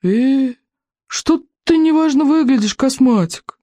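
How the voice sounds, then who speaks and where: A brash, big-bosomed Viking woman speaks loud and high, full of bluster, as a reader puts her on. Her voice sits well above the reader's own, and the storybook delivery stays brassy. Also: expressive, slow, dry recording. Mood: mocking. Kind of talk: audiobook character voice.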